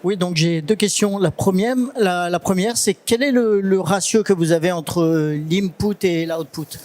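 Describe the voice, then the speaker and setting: A man's voice: sits high, unhurried, darkish tone. A man in the audience methodically asking questions at a conference. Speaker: audience member.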